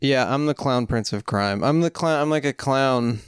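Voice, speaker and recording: Here a medium-pitched man speaks at normal speed with a clean tone; there's no room sound and the studio audio is clean. As a podcast co-host in casual chat, he jokes and drifts into rambling tangents.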